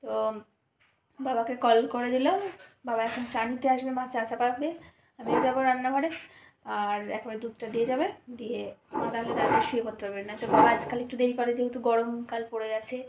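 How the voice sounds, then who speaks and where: A woman's voice: on the high side, level tone, quick pace. A young woman, talking casually through her evening at home in a vlog, her throat a little scratchy. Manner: chatty, rambling and self-correcting. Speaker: vlogger.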